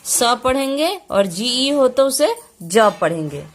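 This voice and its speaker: Woman teacher, fairly high voice, patient, spells out letters one by one. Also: big pitch swings. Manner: patient, repeats each point slowly, spells out letters. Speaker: English teacher. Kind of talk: explaining pronunciation rules.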